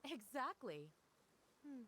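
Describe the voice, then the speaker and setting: A woman's voice: high voice, big pitch swings, slow pace, sharp tone, slight background noise, heavily acted. An actress playing a bold, confident female martial arts fighter in a video game, self-assured in delivery. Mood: boastful. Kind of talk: scripted game voice acting.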